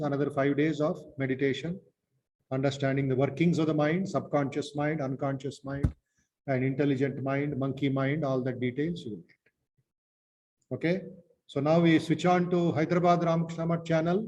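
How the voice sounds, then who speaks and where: A man with a South Indian accent teaching an informal spiritual class as a monk, speaking in short halting phrases and often repeating words for emphasis. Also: on the high side, a little mellow, slight background noise, low-quality recording.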